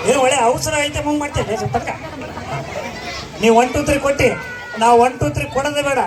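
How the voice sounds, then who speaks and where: High-voiced man teasing a noisy crowd. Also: fairly even intonation, fast. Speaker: comedy performer on stage. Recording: far from the mic, loud crowd, noisy.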